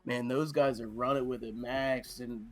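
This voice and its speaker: A man's voice: mid-range voice, fairly even intonation, moderate pace. A man chatting casually as a podcast guest, with laid-back slangy talk and some swearing. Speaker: esports team member, podcast guest.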